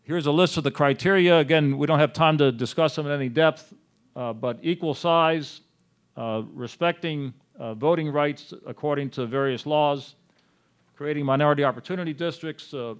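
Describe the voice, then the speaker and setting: A man presenting census figures at a city town hall meeting, speaking in a measured way with frequent pauses. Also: a little high, clear, resonant tone. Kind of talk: slide presentation on census data.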